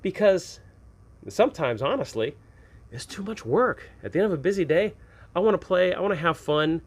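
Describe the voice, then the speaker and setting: His voice is high-pitched and expressive, delivered at a normal speed. He hosts a casual advice video for game masters, talking emphatically and conversationally about running tabletop games and restating his points again and again.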